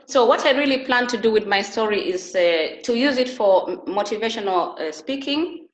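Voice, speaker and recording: A woman's voice: fairly high pitch, animated, moderate pace. A middle-aged woman from Uganda, guest in an interview, speaking earnestly with frequent restarts. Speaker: interview guest, beauty and wellness therapist. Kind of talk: conversational interview. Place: Germany. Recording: roomy echo.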